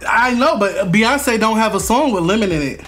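A man's voice: sits high, lively intonation, normal speed, a crowd in the background. A young American man hosting, chatting casually with teasing, competitive banter. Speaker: mukbang host. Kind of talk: casual playful banter, singing snatches.

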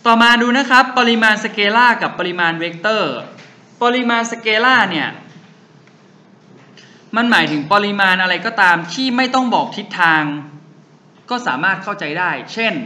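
Bright-voiced male physics tutor quizzing students. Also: sits high. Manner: quizzes students with quick rhetorical questions. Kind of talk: classroom lecture. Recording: faint background noise.

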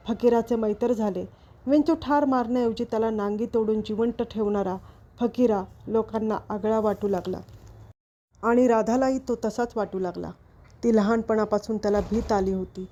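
A woman storyteller reading a novel aloud in a steady, even narration. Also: on the high side, dull audio.

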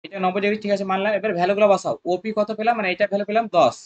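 Fast-talking math tutor. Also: mid-range voice, fairly even intonation, highs cut off. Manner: rapid call-and-response questioning of students; coaxing, repetitive. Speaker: math tutor at a coaching centre. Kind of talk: exam-prep math lesson.

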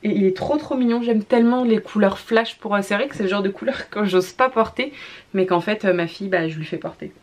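A young woman talks through a baby clothes haul in a relaxed vlog. She gushes and piles up repeated words, and she fills her pauses with soft hesitations. Her voice sits in a middle range for a woman. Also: medium pitch. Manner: gushing, repeats "trop, trop" and fills with "euh". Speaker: vlogger, mother showing a baby clothing haul.

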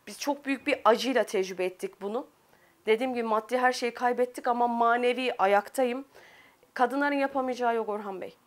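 A woman in her forties from Turkey speaks in a news interview about rebuilding her business. Her voice sits fairly high, and she talks earnestly and reflectively, often pausing to gather her thoughts. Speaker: business owner.

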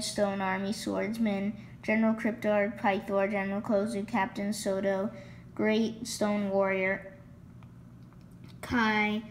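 A hoarse woman YouTuber who is losing her voice flips through a toy catalog, speaking at medium pitch in casual, off-the-cuff vlog commentary. She rambles slowly, listing items quickly with filler words. It's recorded on a phone indoors in an echoey room with clear background noise.

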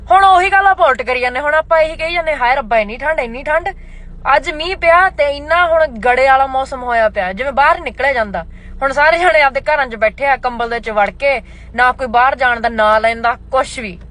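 A young woman chatting casually and opinionatedly, with animated, exasperated, dramatic emphasis and English mixed in. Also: high voice, brisk. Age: young adult. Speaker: vlogger. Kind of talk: casual opinionated chat to camera, mixing in English.

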